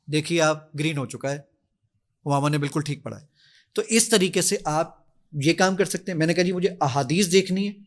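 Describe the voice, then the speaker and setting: A man walks through his app on a podcast, eager and lively, voicing his own requests as he taps. His voice sits fairly high for a man. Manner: energetic, enthusiastic, acts out his own requests. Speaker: app founder giving a demonstration. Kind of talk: podcast guest demonstrating an app.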